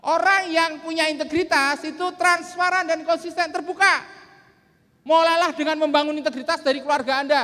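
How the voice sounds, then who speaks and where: A man's voice: very high voice, normal speed. A man giving a motivational seminar talk. He jokes with the audience and keeps calling out to them. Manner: lively, joking, calls out to the audience. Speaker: motivational speaker. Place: large hall with a live audience. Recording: reverberant hall.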